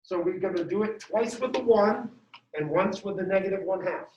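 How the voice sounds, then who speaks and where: A man's voice: high-pitched, normal speed, a little mellow, slight background noise. A male math teacher giving a classroom lecture, upbeat and walking students through each step. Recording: dull echoey room sound from far off.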